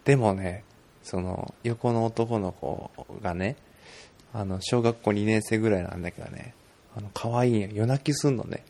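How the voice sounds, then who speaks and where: Man, gravelly husky voice, lively storytelling podcast co-host. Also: normal speed. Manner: storytelling, acts out quoted voices in a high pitch. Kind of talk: casual chat.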